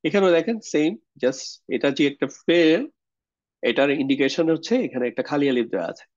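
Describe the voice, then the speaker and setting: Male online tutor, slightly higher voice, patient step-by-step explainer, dry lo-fi call sound. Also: lively intonation, fairly quick, no echo. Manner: explains step by step, checks understanding with questions. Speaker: Arabic grammar teacher. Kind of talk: online class lecture. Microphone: video call.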